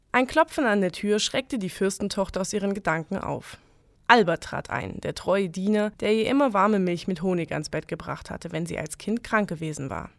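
A woman's voice: mid-range voice, dry recording. Woman narrating a legend, dry sound. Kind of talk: scripted storytelling narration.

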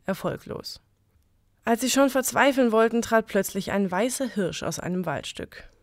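A woman narrating a medieval legend in calm, scripted storytelling. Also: a little high, normal speed, no echo, studio quality.

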